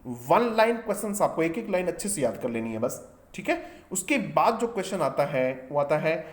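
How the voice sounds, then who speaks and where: A man teaching an exam-prep class in a voice set a little high. He lays things out one step at a time, asks his listeners questions and then answers them himself, and slows right down to dictate English lines word by word. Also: very animated.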